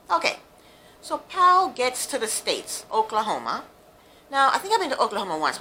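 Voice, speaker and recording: A woman from Jamaica delivers a chatty, frank, opinionated recap of a reality show as a casual monologue full of ums and asides. Her voice is on the low side with a sharp tone, and the low-quality recording has a little hiss or hum.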